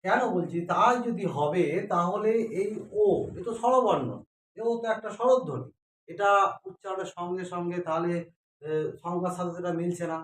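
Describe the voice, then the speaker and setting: High-pitched male teacher, quizzing style, recorded from a distance. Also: moderate pace. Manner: asks questions and answers them himself. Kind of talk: classroom grammar lesson. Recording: echoey room, mic far off.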